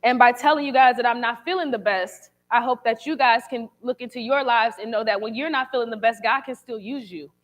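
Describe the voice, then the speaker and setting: A woman's voice: a little high, fairly quick, few pauses. A young woman speaking candidly and conversationally to a church congregation, sharing a personal testimony with casual slang.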